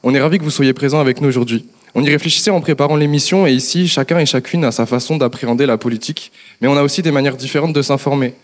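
Young guy hosting a talk show, fast and earnest, echoey hall. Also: medium pitch. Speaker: show host interviewer. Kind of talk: political discussion.

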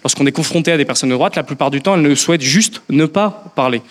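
A man's voice: fairly high pitch, quick pace, in a large hall. A man who is a member of parliament, answering questions in a political discussion, thoughtful and hesitant with many restarts.

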